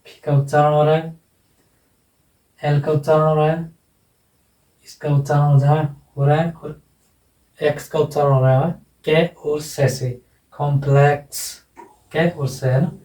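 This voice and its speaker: Slow, repetitive male phonetics teacher. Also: fairly high pitch, level tone, warm tone, reverberant, recorded from a distance, low-quality recording. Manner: slow, repeats each sound several times; ends phrases with a checking "है ना". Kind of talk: whiteboard phonetics lesson.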